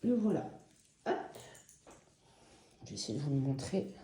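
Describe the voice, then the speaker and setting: A French woman chatting casually and enthusiastically about her embroidery projects in a vlog, slow and gentle with many fillers. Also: deep voice, sing-song, reverberant, a little hiss or hum. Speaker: embroidery vlogger. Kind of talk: casual show-and-tell vlog.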